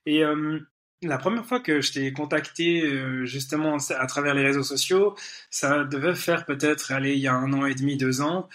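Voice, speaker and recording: A man's voice: fairly high pitch, moderate pace, a bit bright. A man hosting a podcast interview, chatting in a friendly, joking way and asking questions. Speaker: podcast host. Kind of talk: casual interview chat.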